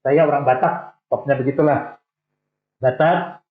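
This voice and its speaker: A medium-pitched older man from Indonesia, in his sixties, speaks at normal speed as a guest in a casual interview. He tells stories in a relaxed way with light jokes at his own expense, and the sound is tinny with echo from the room.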